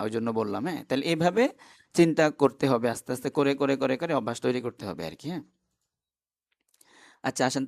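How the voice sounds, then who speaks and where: A man's voice: medium pitch, gravelly. A man teaching an online class, who explains step by step and keeps asking his students questions.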